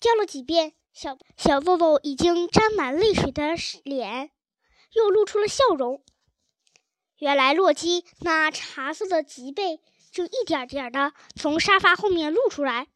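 A woman narrating a children's storybook chapter with a gentle, expressive reading. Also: very high-pitched, unhurried, no room sound. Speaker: audiobook narrator.

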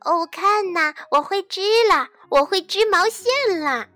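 A woman voicing an eager, cheerful little mouse in a children's storybook, with a squeaky and bouncy delivery. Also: sing-song, a little slow, sharp tone, dry recording, faint music behind, full character voice. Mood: excited.

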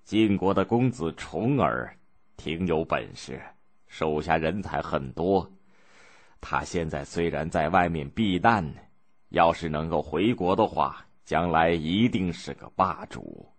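A man's voice: sits low, animated, slow, voice pushed down, exaggerated voice. A man voicing an old, stubborn, self-righteous duke who talks in a lecturing, pompous way. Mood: weak, grave.

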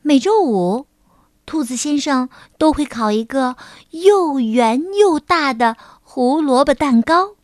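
A woman teacher narrating a children's picture book in a gentle, measured storytelling manner. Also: high voice, animated, dry recording, clean studio sound.

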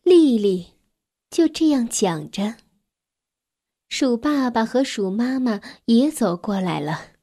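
A woman reads a children's bedtime story in a gentle, unhurried way, her voice a little raised. She softens at tender moments, at times sinking almost to a whisper. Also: fairly high pitch, lively intonation. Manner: gentle, soft, sometimes drops to a whisper.

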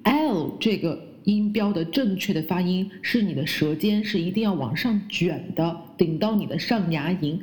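A woman who speaks Chinese as her first language, teaching English pronunciation and slowly repeating the English words she models. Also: lowish voice, expressive, a little mellow. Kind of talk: pronunciation lesson.

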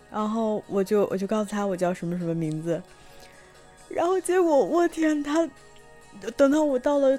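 A young woman from Tianjin, chatting through a personal story with many fillers and restarts, sometimes bursting with excitement. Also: a little high. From Tianjin, China. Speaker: vlogger telling a personal story. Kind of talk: casual storytelling monologue.

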